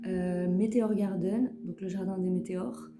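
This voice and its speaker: A woman's voice: medium pitch, fairly even intonation, a little slow. A woman giving a casual weekly card reading, talking hesitantly with many fillers and repeated words. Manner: self-mocking about her English. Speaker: tarot reader giving a weekly guidance. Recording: roomy echo with faint music behind.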